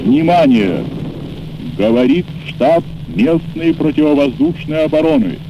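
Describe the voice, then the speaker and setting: A man giving a measured, commanding air-raid warning over an outdoor loudspeaker, heard from a muffled 1940s archival recording. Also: a little high, noisy background. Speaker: radio announcer.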